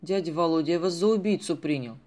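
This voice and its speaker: A man voicing a timid teenage boy on holiday, talking quickly and nervously. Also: on the high side, darkish tone, close to an everyday voice.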